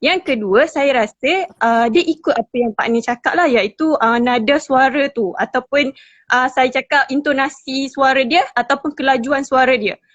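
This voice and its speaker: High-voiced young woman on a dull video call. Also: normal speed, a bit bright, no echo. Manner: hesitant, thoughtful, many fillers. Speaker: caller giving feedback. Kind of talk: casual call-in comments. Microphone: video call on a phone.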